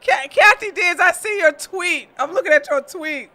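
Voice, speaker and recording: A woman hosts a casual livestream at a moderate pace, chatting with viewers and reading their messages aloud. She greets them with loud, high-pitched exclamations and laughs a lot while teasing her chat.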